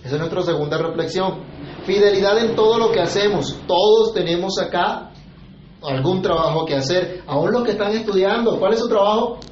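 A man's voice: high voice, moderate pace, slight background noise. Man preaching with questions in an echoey room. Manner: conversational preaching with rhetorical questions. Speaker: pastor. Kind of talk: sermon. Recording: echoey, slightly muffled room recording.

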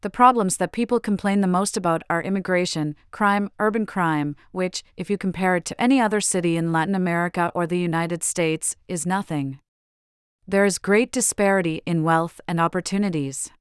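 An older woman from Chile, an author answering interview questions in a measured, reflective way. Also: lowish voice, clean tone, dry recording, clean studio sound.

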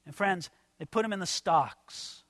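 A man preaching an expository sermon in an animated, conversational way, addressing his listeners as friends. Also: high-pitched, unhurried, dry recording, studio quality. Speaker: pastor.

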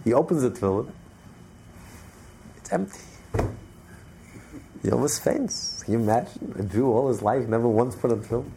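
In a storytelling lesson, a Torah teacher recounts a Torah story, repeating and stressing his points and often restarting. He speaks fast at a medium pitch with few pauses, and there's background noise.

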